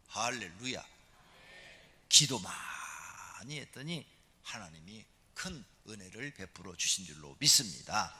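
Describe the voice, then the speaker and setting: A male pastor preaching a sermon in a church sanctuary, retelling the story with animated flair and asking the congregation to respond. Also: lowish voice, husky. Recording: long reverb of a church hall.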